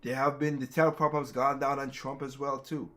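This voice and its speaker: A man's voice: mid-range voice, flat delivery, brisk, fairly bright tone. A man hosting a casual political talk show, rambling with many restarts and growing heated. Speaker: podcast host.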